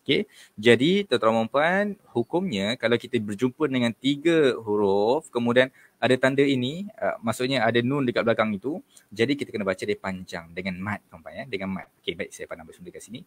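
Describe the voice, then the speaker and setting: A man with a Malaysian Malay accent teaching Quran recitation in a relaxed online lesson, patiently repeating letters and corrections, often saying okey, and chanting verses slowly to demonstrate. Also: mid-range voice.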